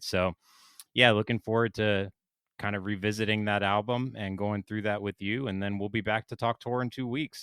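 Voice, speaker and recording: A man's voice: fairly low pitch, a bit bright, clean tone, no echo. A man co-hosting a podcast in casual, upbeat chat, with small stumbles and repeated words. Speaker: podcast co-host.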